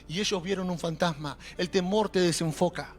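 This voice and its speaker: A young adult man preaching a sermon in a Rioplatense accent, animated and calling out to the congregation. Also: high voice, normal speed. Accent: Rioplatense Spanish. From Argentina. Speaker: pastor. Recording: faint music behind.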